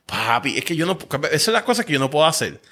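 A young man with a Puerto Rican Spanish accent, telling stories in a casual chat and swearing often. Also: fast talker. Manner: animated storyteller, swears often, squeaky when quoting himself.

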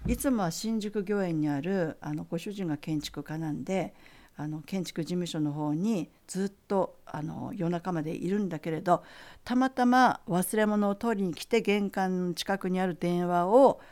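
A woman from Akita telling a personal story in an animated way, acting out the voices of the people she quotes. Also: moderate pace. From Akita, Japan. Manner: animated, acts out quoted voices with big pitch jumps. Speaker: green coordinator. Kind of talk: storytelling anecdote.

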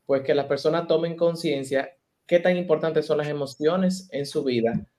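A man's voice: on the high side, normal speed, darkish tone. Hesitant podcast host, a man. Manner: hesitant, many fillers and restarts. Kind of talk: casual interview talk.

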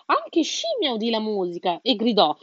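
A woman's voice: on the high side, huge pitch swings, normal speed, slightly rough, no echo, highs cut off. A woman reading a children's story aloud in a playful way, asking questions and imitating animal sounds.

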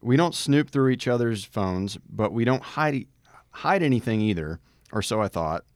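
A man co-hosting a podcast, reading a listener's story aloud with a wry tone and dramatic pauses before each section title. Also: mid-range voice, expressive, no room sound, studio quality. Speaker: podcast co-host.

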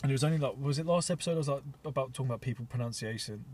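A young man, a podcast co-host and new father, tells stories in lively, swearing casual chat full of laughter. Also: medium pitch, rapid-fire, distant mic. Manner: animated storyteller, swears, laughs.

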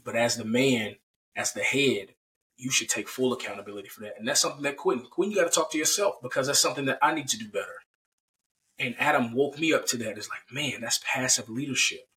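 A man hosting a podcast, talking casually about a Bible story, animated and restarting his words often. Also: medium pitch, far from the mic, low-quality recording. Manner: animated, with frequent restarts and repeats. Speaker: podcast host.

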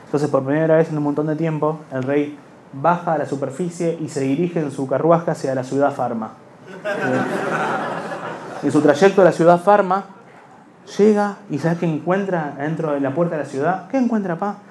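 A man's voice: a little high, moderate pace, a little mellow, slight background noise. A young man with a Rioplatense accent telling a long stand-up comedy story in a rambling, self-mocking way. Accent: Rioplatense Spanish. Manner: rambling, self-mocking, slips into quoted voices.

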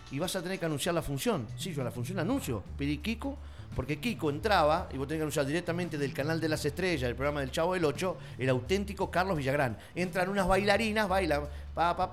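A middle-aged man with an Argentine accent, a circus performer telling his story as a radio guest, lively and acting out the lines he quotes. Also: high voice, fast talker, faint music behind. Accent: Argentine Spanish. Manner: animated storyteller, acts out quotes.

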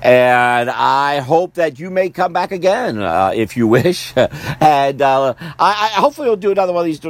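A man's voice: medium pitch, vocal fry, fairly bright tone, no room sound. A man hosting a podcast, rambling through casual political commentary with jokes and frequent chuckles. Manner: rambling, joking, chuckling often. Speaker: podcast host.

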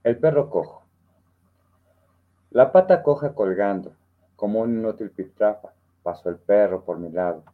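A man's voice: on the low side, moderate pace, long pauses, phone-quality sound. A man, talking reflectively about a poem with many tag questions, then reciting it. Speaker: participant reading a poem. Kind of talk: casual literary discussion and poem recital.

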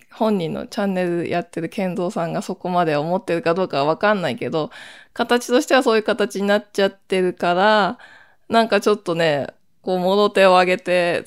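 Solo podcast host: woman, mid-pitched, smooth and clear, rambling conversational chat with side remarks. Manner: chatty, rambling with frequent asides.

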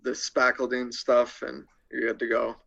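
A young man as a podcast guest, deadpan with crude jokes and hesitant with many ums. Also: medium pitch, moderate pace, vocal fry, muffled recording. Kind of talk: casual interview chat.

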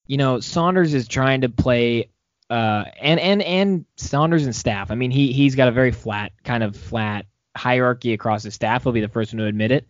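A man's voice: mid-range voice, normal speed, no echo. A man co-hosting a sports podcast, talking casually in an upbeat, rambling way with many restarts. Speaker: podcast co-host. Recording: dull lo-fi dry sound.

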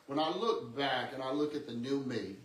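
A pastor in his sixties talks at medium pitch and a moderate pace through a conversational teaching sermon. He often repeats words and checks in by saying "amen" and "okay," and the distant mic picks up an echoey room.

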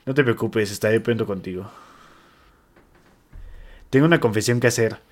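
His voice is somewhat low and his pace moderate as this Mexican-accented man reads posts to a friend. He sounds relaxed and slangy, throwing in asides and starting over mid-read.

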